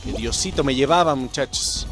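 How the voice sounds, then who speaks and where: A young man with a Mexican accent giving excitable live gameplay commentary, swearing and shouting at the game. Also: mid-range voice, normal speed, faint music behind. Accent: Mexican Spanish. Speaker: gaming YouTuber.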